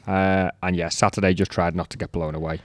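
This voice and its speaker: A man co-hosting a podcast, relaxed and dry-humoured in casual chat. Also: sits low, a little fast, no echo. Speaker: podcast co-host.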